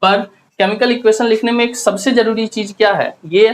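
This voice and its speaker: A man's voice: high-pitched, steady tone, normal speed, low-quality recording. Man teaching a chemistry lesson. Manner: explains step by step, asks and answers his own questions. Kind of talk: classroom lecture.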